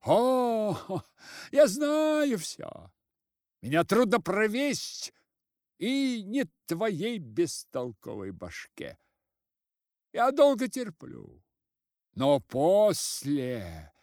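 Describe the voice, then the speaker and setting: A man's voice: very deep voice, takes it slowly, few pauses, husky, dry recording, clean studio sound, voice pushed down, exaggerated voice. A man voicing a fierce village woman who scolds an old man shrilly in a storybook reading. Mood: furious.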